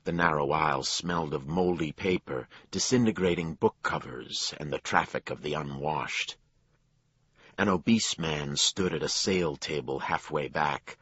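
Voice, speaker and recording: A man narrating a crime thriller audiobook in a measured storytelling voice. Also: a bit bright, slightly rough, no echo, muffled recording. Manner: low, measured storytelling with acted dialogue.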